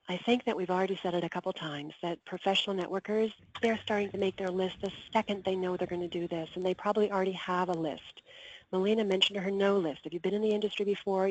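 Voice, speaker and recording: A woman's voice: medium pitch, a little mellow, muffled recording. A woman leading a business training call in an upbeat, coaching manner, her voice getting tired. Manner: upbeat, coaching, quick asides. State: losing her voice. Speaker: team trainer.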